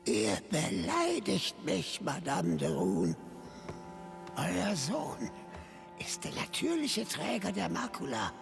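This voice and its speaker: Creaky, sinister old clergyman villain. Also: high-pitched, wildly swooping pitch, heavily acted. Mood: quietly menacing. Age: older. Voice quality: gravelly, breathy at times. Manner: menacing, theatrical, slow and deliberate. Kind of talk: dramatic video game acting. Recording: loud dramatic music behind.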